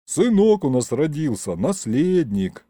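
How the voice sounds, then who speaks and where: A man's voice: on the high side, very animated, a little slow, mellow, dry recording. Man doing a shy young peasant clerk. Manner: hesitant, deferential old-fashioned speech.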